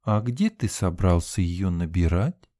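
A male reader voicing a bossy, quick-tempered young female student who scolds in a shrill, exasperated way. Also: sing-song, darkish tone. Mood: quizzical.

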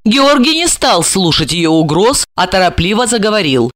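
An expressive woman, working as an audiobook narrator, reads a scripted story at a moderate pace in a medium-pitched voice. The studio sound is clean with no echo.

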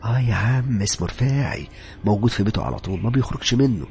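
A man voicing a joking, superstitious young male coworker with an Egyptian accent, loud and excitable. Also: lowish voice, very fast, slight background noise, pitched above the performer's own voice. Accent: Egyptian Arabic.

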